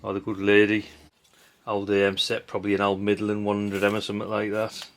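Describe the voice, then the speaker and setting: This low-pitched, middle-aged man speaks in a monotone and a little quickly. He's a hobbyist video host going through old parts, giving loose, unscripted commentary that's chatty and rambling, with blunt mild swearing and tag questions.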